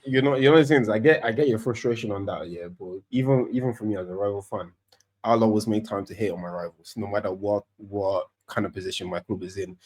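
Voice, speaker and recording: Brief: male podcast co-host, quick and excitable, restarts a lot in football chat. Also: fairly low pitch. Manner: animated, rambling with many restarts. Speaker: podcast co-host, Arsenal fan.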